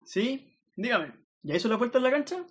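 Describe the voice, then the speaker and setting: A woman's voice: fairly high pitch, very animated, normal speed, husky. A woman with a Chilean accent playing a strict, impatient PE teacher who scolds brusquely. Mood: stern. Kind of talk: amateur audio drama acting.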